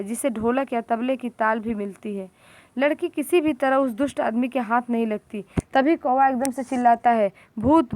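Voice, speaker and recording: A woman's voice: sits high, a little mellow, no room sound. A woman teacher reading a school play aloud to a class, voicing every character in turn. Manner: reads the play aloud, giving each character's line in turn.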